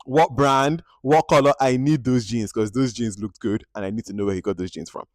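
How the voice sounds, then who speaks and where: A man from Nigeria, reviewing a film at home in an animated, expressive way, jumping between loud outbursts and quiet asides. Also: medium pitch, brisk, dry recording. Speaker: movie reviewer. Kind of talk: casual movie review vlog.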